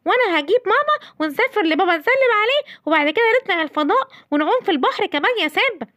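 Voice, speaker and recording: A woman's voice: extremely high pitch, expressive, rapid-fire, a bit bright, dry recording, studio quality. A woman with an Egyptian accent voicing a mischievous young boy in a children's toy story. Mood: eager. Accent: Egyptian Arabic. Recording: music playing behind.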